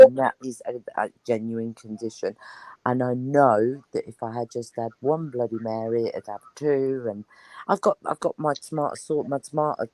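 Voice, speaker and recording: A woman's voice: a bass voice, darkish tone, dry recording, low-quality recording. Chatty woman with a dry voice. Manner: chatty, rambling, enthusiastic. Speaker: guest on an online chat show. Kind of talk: casual chat.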